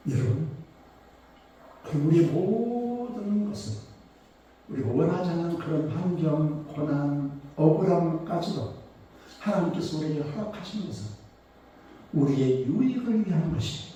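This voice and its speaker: An older male pastor preaching a sermon, telling a personal story with emotion, swinging from hushed tones to loud exclamations. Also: on the high side, lively intonation, a little slow, long pauses, slight background noise. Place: church sanctuary. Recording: echoey church hall, mic at a distance.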